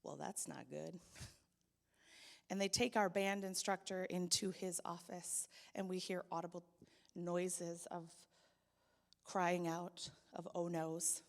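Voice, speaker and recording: A woman's voice: on the low side, fairly even intonation, slow pace, creaky. Young woman sharing her testimony at church, storytelling, long echo off the hall. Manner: storytelling, voices quoted people, grows loud and pleading. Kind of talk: personal testimony.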